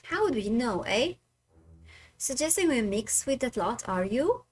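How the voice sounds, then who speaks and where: A woman voicing a gruff, suspicious working-class Victorian man. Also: a little high, sing-song, a little slow.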